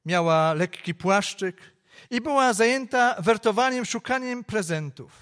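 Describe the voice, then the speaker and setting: A man preaching at Christmas, telling a story in an expressive, varied way. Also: on the high side. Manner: expressive storytelling, shifting pace. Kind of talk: Christmas sermon with a told story.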